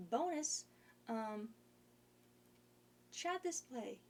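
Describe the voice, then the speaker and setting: Young woman streamer, slow unhurried chat, slightly high voice, meandering with many ums. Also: a little hiss or hum. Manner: rambling, hesitant, many fillers. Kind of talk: casual chat.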